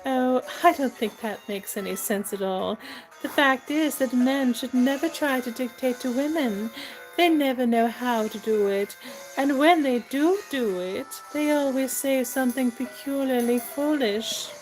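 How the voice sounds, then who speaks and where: A woman's voice: high voice, measured pace, soft background music, rough recording. A woman playing a self-assured, whimsical young lady in a comic stage play, prim, chiding and matter-of-fact.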